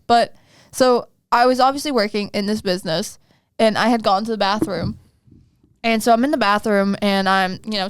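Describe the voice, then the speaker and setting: A woman in her twenties, a podcast co-host, telling a story in casual chat, rambling and animated with lots of "like". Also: medium pitch, smooth, dry recording. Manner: animated, rambling, heavy use of "like".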